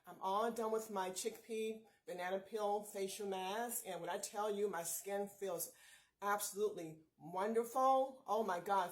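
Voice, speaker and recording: A woman beauty vlogger walks through a skincare routine in a relaxed, chatty way. She keeps speaking straight to her viewers with easy encouragement. Her voice sits at an ordinary middle pitch. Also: rough recording. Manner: chatty, often addresses viewers as you guys; upbeat, encouraging pep talk. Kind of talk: casual skincare tutorial.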